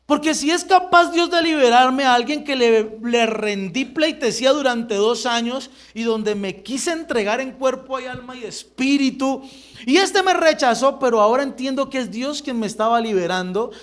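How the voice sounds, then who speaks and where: A middle-aged man tells his conversion story to a congregation in an unusually high voice. He talks fast and vividly and acts out every voice in the story himself. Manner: animated storytelling, acting out quoted dialogue. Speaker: church member giving testimony. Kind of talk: testimony in a church service.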